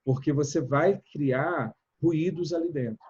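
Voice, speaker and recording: Brazilian-style lively talker, muffled call audio. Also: male voice, on the high side, a little hiss or hum. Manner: energetic, shifts between fast and slow, loud and soft. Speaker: speaker on productivity and communication. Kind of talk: live online chat talk. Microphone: video call.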